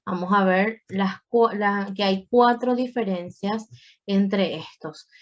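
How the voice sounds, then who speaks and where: Slow-paced woman teacher, muffled call audio. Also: medium pitch. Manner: slow, patient explaining with playful asides. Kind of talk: online grammar lesson.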